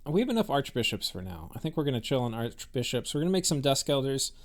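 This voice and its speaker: A man's voice: mid-range voice, sing-song, fast. A man giving casual, rambling commentary on a strategy game he is playing, thinking aloud with many fillers and restarts. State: has the hiccups.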